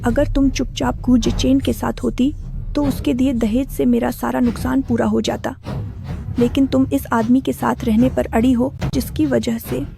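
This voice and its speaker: A selfish old grandmother with a high, gravelly voice, whining and blaming everyone else. She is a gambler who begs and scolds in a dubbed drama, with music running loud behind her. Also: steady tone, normal speed. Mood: scolding. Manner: whining, self-pitying. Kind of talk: Hindi dub of a drama series.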